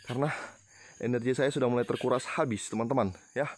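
A man's voice: mid-range voice, steady tone, fast, a little hiss or hum. A man vlogging a ghost hunt outdoors at night among banana plants, nervous and jumpy, worn out, muttering prayers. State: tired, worn out.

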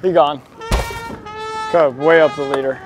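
A man's voice: a little high, steady tone, a little slow, over music. A man in his thirties, a fishing captain hosting a casual vlog, teasing and laughing outdoors on a boat and a dock. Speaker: fishing captain and channel host.

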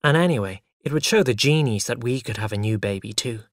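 A narrator telling a first-person story for English learners in a lively way. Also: medium pitch, a little fast, no echo, studio quality.

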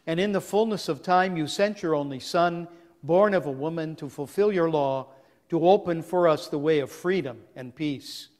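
A man, a priest leading a communion service, reciting the prayer in a slow, solemn, measured way, his voice carried by a long cathedral-like echo. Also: fairly high pitch, a little mellow. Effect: long cathedral-like echo around the voice. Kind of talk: chanted liturgical prayer. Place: large church. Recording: long echo in a large church.

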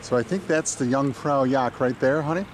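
Here a chatty middle-aged man vlogs outdoors at a moderate pace and medium pitch, playing the eager tour guide beside a canal and on a mountain train. Voices of the crowd, trains and street traffic fill the background.

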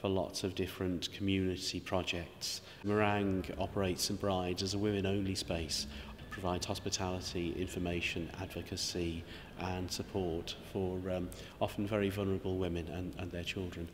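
A man's voice: low voice, flat delivery, normal speed, few pauses. A middle-aged man, a vicar, speaking hesitantly with many ums in an interview inside a church. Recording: reverberant church with faint noise.

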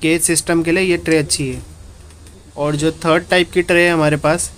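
A man's voice: fairly high pitch, level tone, normal speed, fairly bright tone. A man presenting feeding trays in a matter-of-fact product demonstration. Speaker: shop presenter.

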